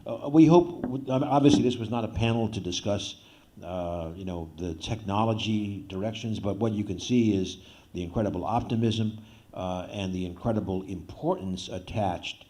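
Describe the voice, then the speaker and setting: Low-voiced moderator, halting with fillers. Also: male voice, dark tone. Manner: halting, many uh fillers, light laughs. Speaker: panel moderator. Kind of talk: closing remarks.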